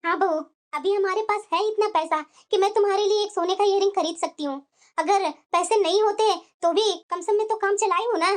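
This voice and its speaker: A woman's voice: extremely high pitch, fairly quick. A woman voicing a stingy cartoon mother-in-law who is remorseful and tender with her daughter-in-law. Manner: musing, then remorseful and tender. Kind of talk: cartoon voice acting.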